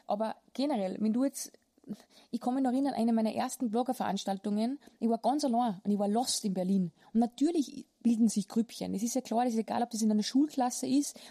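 Blunt young austrian woman chatting, swears a lot, low warm voice, quick. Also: no echo, studio quality. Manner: blunt, rambling, swears freely. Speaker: podcast host. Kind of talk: casual chat.

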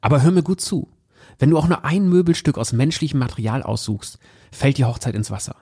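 A man's voice: medium pitch, animated, brisk, warm tone, slightly rough, voice pushed up. A man reading aloud the lines of a stubborn young man who speaks curtly and with disgust to his fiancée. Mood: scornful. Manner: curt and scornful.

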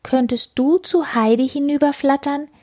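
A woman's voice: sits high, steady tone, moderate pace, warm tone, voice pushed up, lightly acted. A woman voicing a small, kind and caring strawberry fairy in a storybook reading, speaking up in a raised, eager voice.

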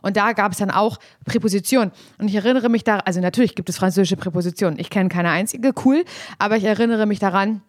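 A woman co-hosting a casual podcast chat, teasing and quick with reactions. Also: mid-range voice, no echo, studio quality. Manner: lively, teasing backchannel. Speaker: podcast co-host.

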